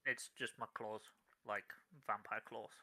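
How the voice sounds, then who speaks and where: A man playing a tabletop game, talking in a low-key way and muttering his rolls. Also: little pitch movement, unhurried, sharp tone, dry recording. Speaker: tabletop player. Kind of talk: casual tabletop game chat.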